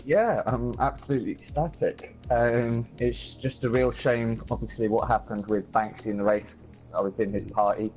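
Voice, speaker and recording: A man's voice: mid-range voice, fairly even intonation, normal speed, hardly any pauses, darkish tone, soft background music, low-quality recording. A man, a league driver, answering a post-race interview in a laid-back, casual way.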